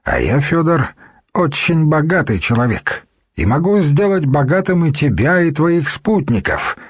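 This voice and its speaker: A man voicing a suspicious, wealthy fat man who grumbles gruffly in an audiobook. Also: fairly high pitch, big pitch swings, measured pace, no echo, studio quality, voice pushed up, exaggerated voice.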